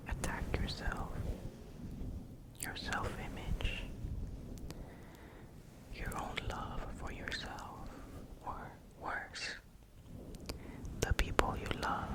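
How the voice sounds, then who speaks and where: Casting: whispering ASMR host for a bedtime pep talk, very slow, breathy, close-miked. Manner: slow, pausing between short phrases. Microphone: close fluffy-covered microphone.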